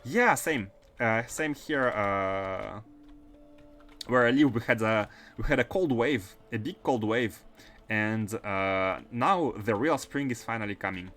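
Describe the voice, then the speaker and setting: Faint music sits behind this man's slow, somewhat low and slightly bright voice. He has a Russian accent and chats casually while gaming on a livestream, repeatedly restarting and repeating what he says.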